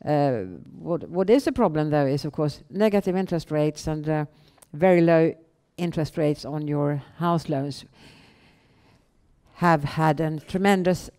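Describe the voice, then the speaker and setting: A middle-aged woman with a Swedish accent, answering questions on stage in a measured, halting way with pauses. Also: low-pitched, a little mellow, clear, resonant tone. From Sweden. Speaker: guest, bank founder and chief executive. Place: indoor event room on a small stage. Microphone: headset.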